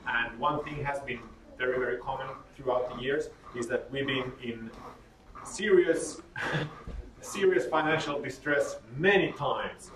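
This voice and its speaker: A man's voice: medium pitch, unhurried. A man, giving an informal, joking workshop talk full of fillers. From Sweden. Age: 30s. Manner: candid and joking, with frequent fillers. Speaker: workshop speaker. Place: workshop room. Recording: roomy, distant mic, audible noise.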